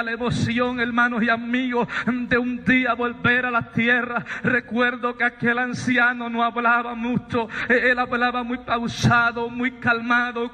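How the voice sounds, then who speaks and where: A man's voice: very high-pitched, pushed and bright, big-room sound. A man giving an emotional spoken testimony as a preacher, fervently calling out to his brothers and friends. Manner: fervent, repeatedly addresses listeners as brothers and friends.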